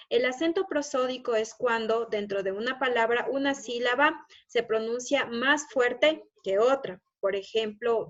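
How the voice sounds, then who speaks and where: A woman's voice: a little high, a bit bright, muffled recording. A woman teaching a recorded lesson over slides, explaining step by step and checking in often with short questions.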